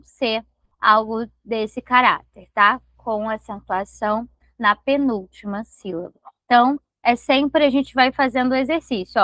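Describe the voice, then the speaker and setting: Teacher, woman, fairly high voice, patient step-by-step explainer, dry close mic, slightly dull audio. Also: no echo. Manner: patient, explains step by step and checks understanding often. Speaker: Portuguese language teacher. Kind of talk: online grammar lesson.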